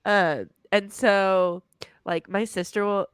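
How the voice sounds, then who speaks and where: A woman co-hosting a casual podcast with a nasal voice, playful and quick to laugh. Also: medium pitch, steady tone, smooth, dry recording, studio quality. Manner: playful, laughs easily, tells puns. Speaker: podcast co-host. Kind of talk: casual chat.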